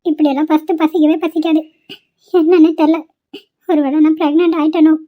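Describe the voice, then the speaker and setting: A woman's voice: high-pitched, level tone, brisk, highs cut off, lightly acted. A woman voicing a withdrawn, worried young female student in a homemade cartoon, answering curtly.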